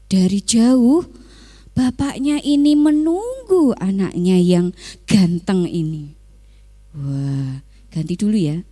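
A woman's voice: medium pitch, slow pace, long pauses. A woman telling a Bible story to Sunday school children and quizzing them. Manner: animated, asks children questions.

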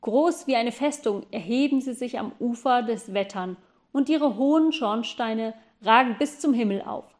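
A woman reads a children's storybook aloud in a calm, steady way, her voice sitting a little high. She keeps an even storytelling pace from one sentence to the next. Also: moderate pace. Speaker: narrator. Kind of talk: audiobook storytelling.

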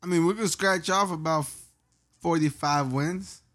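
A man's voice: a little high, measured pace, a bit bright, no room sound, studio quality. A man in a casual basketball chat, easygoing and slangy with a teasing streak.

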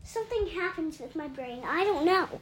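A woman's voice: very high-pitched, expressive, normal speed. A young girl co-hosting a family podcast, chatting in a rambling, giggly way. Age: child. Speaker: podcast co-host. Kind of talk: casual chat.

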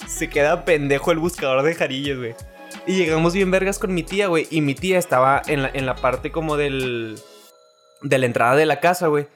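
A man with a Mexican accent, a podcast co-host, telling a story in casual chat, animated and profane, dropping güey after almost every phrase. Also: fairly high pitch, brisk, faint music behind.

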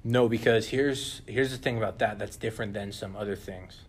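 A young man co-hosting a podcast in casual chat, animated and often turning to listeners with "listen". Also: on the low side, moderate pace, husky. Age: young adult. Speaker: podcast co-host.

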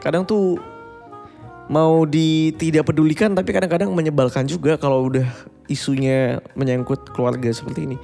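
A man's voice: on the high side, steady tone, moderate pace, creaky, mellow. Young man, bedtime podcast host, confiding and reflective, long reverb, faint music behind. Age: 20s. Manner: reflective, confiding, mixes in English phrases. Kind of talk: casual bedtime podcast monologue.

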